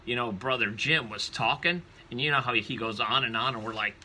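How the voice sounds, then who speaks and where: A man's voice: medium pitch, a little fast, sharp tone, slight background noise. A man playing an ordinary townsman who chats and complains. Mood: grumbling. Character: grumbling ordinary townsman, adult male.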